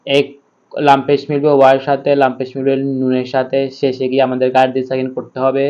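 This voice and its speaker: A man leads a recitation lesson, breaking each word into syllables before chanting the verses slowly. His speaking voice stays level and even. The recording sounds a bit muffled and lo-fi. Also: medium pitch, clean tone. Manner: spells syllables letter by letter, patient instruction. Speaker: Quran reading teacher.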